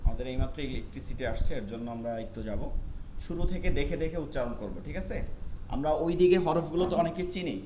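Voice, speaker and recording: A man's voice: on the high side, background noise. Patient male Quran teacher, echoey room. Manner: patient, repeats sounds slowly for students. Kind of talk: online pronunciation lesson.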